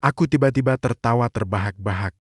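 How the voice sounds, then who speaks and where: A man giving steady first-person scripted narration of a story recap. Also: mid-range voice, fast, no room sound, clean studio sound.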